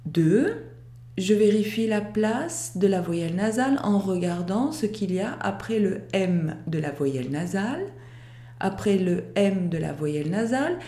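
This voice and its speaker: A woman teaching a pronunciation lesson, walking through each rule step by step with careful, deliberate enunciation. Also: mid-range voice, dark tone, echoey room. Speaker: French teacher. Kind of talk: slow, methodical pronunciation lesson.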